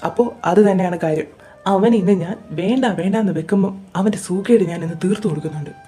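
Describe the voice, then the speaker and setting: A woman's voice: lowish voice, fast talker, mellow, faint music behind, close to an everyday voice. A woman as a caring, protective older brother. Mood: coaxing concern. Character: caring protective elder brother, young man. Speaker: voice actor in fan audio drama. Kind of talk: audio drama acting.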